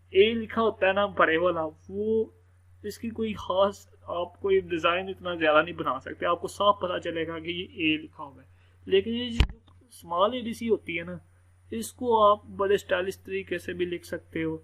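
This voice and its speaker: Speaking at normal speed in a high, steady, somewhat bright voice, a man gives a loose English reading lesson recorded from his screen. "Theek hai" fills his repetitive talk, and the recording is rough.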